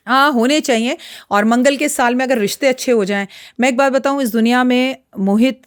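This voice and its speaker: A woman's voice: high-pitched, brisk, clean tone, dry recording, studio quality. A woman astrologer speaking as a podcast guest, frank and lecturing in a blunt, outspoken way. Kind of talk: podcast interview talk.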